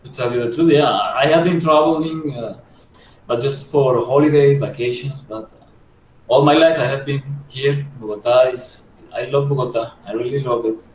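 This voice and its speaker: A man's voice: mid-range voice, moderate pace. A man from Colombia, a sculptor being interviewed, who answers modestly and hesitantly with many fillers and restarts. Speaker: guest sculptor. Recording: echoey room, distant mic, faint noise.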